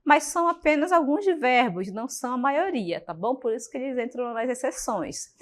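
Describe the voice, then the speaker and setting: A woman with a Brazilian Portuguese accent gives a recorded class lesson, speaking in a slightly high voice. She explains patiently and keeps checking that her students follow along. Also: lively intonation, moderate pace. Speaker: English teacher.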